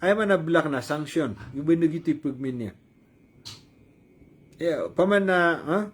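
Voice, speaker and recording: A man giving informal news commentary, talking loosely with fillers and self-corrections, and reading English quotes slowly. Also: fairly high pitch, expressive, husky.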